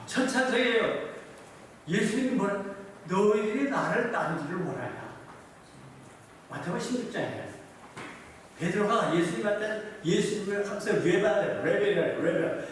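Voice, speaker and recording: High-voiced pastor preaching in an echoey hall. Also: male voice, animated, moderate pace, pauses often. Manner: asks the congregation repeated yes-or-no questions. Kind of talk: sermon. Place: church sanctuary. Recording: echoey hall, voice from far off, faint noise.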